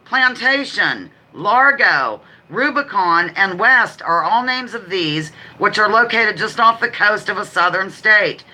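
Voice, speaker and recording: A woman hosting a casual live stream, chatting quickly and reading out trivia questions with rambling, apologetic asides. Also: mid-range voice, sharp tone, rough recording. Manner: talks quickly. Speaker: livestream host running a trivia quiz. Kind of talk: casual live chat with read-out quiz questions.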